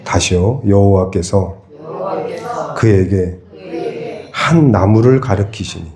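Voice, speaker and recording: A man's voice: sits low, takes it slowly, roomy sound, crowd noise. A pastor preaching a sermon in a church. He keeps asking the congregation questions and answers them himself. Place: church sanctuary.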